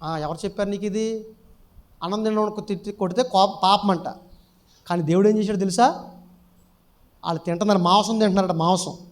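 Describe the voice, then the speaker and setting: A man's voice: sits high, fairly even intonation, fast talker, pauses often. A male pastor preaching a sermon, questioning the congregation and reading scripture aloud.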